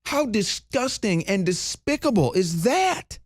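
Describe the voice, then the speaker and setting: A man delivering heated news commentary, sarcastic and indignant. He pushes to loud, emphatic peaks. His voice sits a bit high and sounds dry and close to the mic. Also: sing-song, a little slow, no echo.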